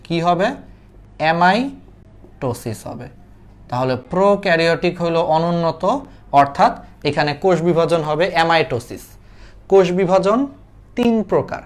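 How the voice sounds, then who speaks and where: A young man teaching an online biology class in a chatty way, repeating key points and asking them back as quiz questions. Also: on the high side. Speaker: biology tutor.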